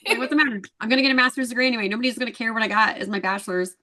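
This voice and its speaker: A woman speaking quickly in a casual interview. She tells her story with energy and voices the people in it as she goes. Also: on the high side. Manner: animated storyteller acting out dialogue. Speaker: guest.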